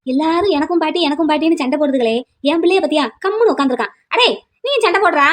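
A woman's voice: sits high, lively intonation, rapid-fire. A woman voicing a boastful, doting grandfather who bickers with his wife in a cartoon. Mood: bickering. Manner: teasing, bickering.

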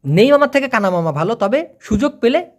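Patient teacher drilling phrases slowly. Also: mid-range voice, very animated. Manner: says foreign phrases very slowly and repeats them; coaxing, keeps saying please and brother to viewers. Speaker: Malay language teacher. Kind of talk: video language lesson.

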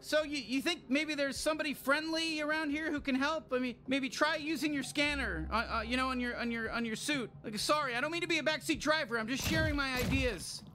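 A man's voice: extremely high pitch, a little fast, few pauses, sharp tone. A man voicing a nervous, chatty, apologetic little talking alien gun in a video game, stammering and rambling as he goes. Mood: hesitant. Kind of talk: improvised-sounding video game dialogue.

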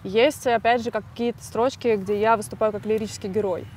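A young woman, a singer, talking candidly and casually in an interview, chatty and quick to laugh. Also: medium pitch, fairly even intonation, a little mellow, slight background noise.

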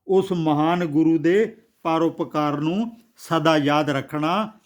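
A man narrating a devotional audiobook story in a measured way, reciting scripture verses slowly. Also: a little high.

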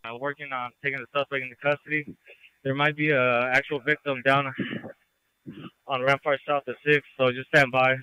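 A man's voice: medium pitch, level tone, moderate pace, bright, forceful tone, smooth. A male police officer giving clipped, directive status reports from the field over a police radio. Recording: dull lo-fi police scanner radio.

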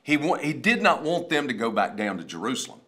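A pastor in his sixties sits at a table in a wood-paneled studio, chatting casually about a sermon in a rambling, storytelling way and often starting over. His voice is medium in pitch, very animated, brisk, and fairly bright.

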